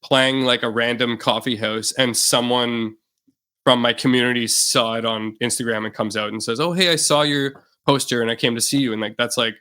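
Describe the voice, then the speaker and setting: His voice is medium-pitched, clear and resonant, at normal speed: a young musician from Canada guesting on a podcast. The casual interview finds him relaxed and rambling, dropping in lots of fillers.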